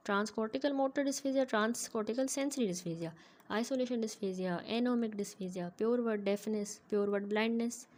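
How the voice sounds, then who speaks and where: A woman giving a methodical, explanatory medical lecture, often pausing to check in with her students. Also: medium pitch, a little mellow. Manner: methodical, keeps checking in with "ठीक है".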